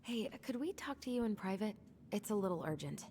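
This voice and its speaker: An actress playing a caring, earnest young woman with a gently wry edge, heard as game audio. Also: medium pitch, expressive, fairly quick, natural voice. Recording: game audio with ambient noise.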